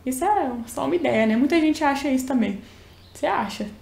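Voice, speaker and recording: A woman's voice: high voice, expressive, a little fast, creaky, a little mellow. A young woman from Minas Gerais, Brazil, with a Minas accent, casually teaching English pronunciation and demonstrating sounds. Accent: Minas Gerais Brazilian Portuguese. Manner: chatty, explains and demonstrates pronunciations. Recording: echoey room.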